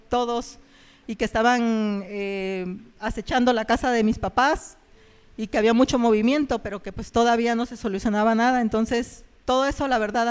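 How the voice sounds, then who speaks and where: A woman giving a personal testimony in church, telling her story earnestly and haltingly with many fillers. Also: fairly high pitch, clean tone. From Mexico.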